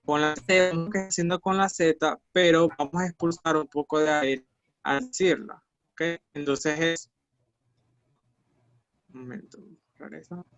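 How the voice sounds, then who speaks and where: Slow, patient male language teacher. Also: fairly high pitch, fairly even intonation, fairly bright tone, clear, resonant tone, dry recording, faint music behind. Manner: patient, repeats syllables slowly for students. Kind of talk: online language lesson.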